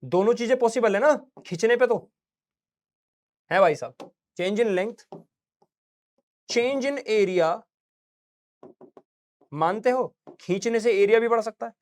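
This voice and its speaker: A man's voice: high voice, moderate pace. A young man teaching a physics lesson in a casual, chatty way, calling his students beta and bhaiya and mixing in anecdotes and little sung sound effects. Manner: sings little sound effects between points. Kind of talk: casual classroom lecture.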